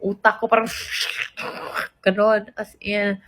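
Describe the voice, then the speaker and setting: A woman's voice: medium pitch, little pitch movement, takes it slowly, a bit bright, rough recording. A young woman in casual chat, rambling and switching languages as she tells a story, sometimes close to tears. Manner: rambling, code-switching, self-described overthinker. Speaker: live stream host.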